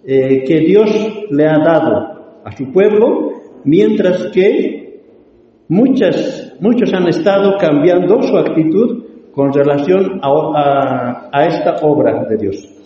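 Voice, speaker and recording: A man from the audience reading a quote aloud, halting and stumbling over the words. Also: a little high, animated, dark tone, a little hiss or hum. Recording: dull, distant, very echoey hall audio.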